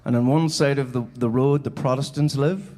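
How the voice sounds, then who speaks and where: On stage before a live audience, a man from the Belfast area of Northern Ireland gives a keynote, telling personal stories informally. His medium-pitched voice is warm and steady at a normal speed.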